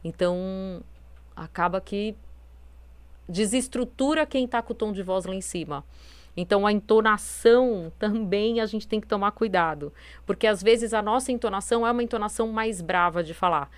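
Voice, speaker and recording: A woman's voice: mid-range voice, normal speed, clean tone, no room sound. A woman hosting a self-help video, talking casually with many fillers and a naturally firm tone. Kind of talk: casual advice monologue.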